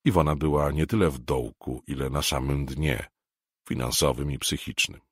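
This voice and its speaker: A man from Poland reading a novel aloud as an audiobook narrator, measured and expressive. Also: extremely low pitch, husky, no echo, clean studio sound.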